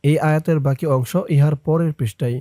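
A man with a Bangladeshi accent teaches Quran reading, breaking words into letters and reciting them slowly and drawn out. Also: steady tone, mellow, no room sound, studio quality. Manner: spells out letters, then recites drawn out and higher. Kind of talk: slow syllable-by-syllable recitation lesson.

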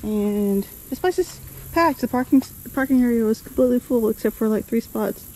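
Hey, chatty lady walking a woods trail, mellow voice, camera mic outside, little bit of noise. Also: a little high, animated, a little fast, poor audio. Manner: chatty, pointing out sights. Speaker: vlogger. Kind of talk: casual walking commentary. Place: outdoor wooded trail.

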